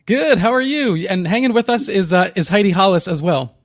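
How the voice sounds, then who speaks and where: A man hosting a live late-night call-in radio show, chatty and excitable. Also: sits high, brisk. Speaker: radio host.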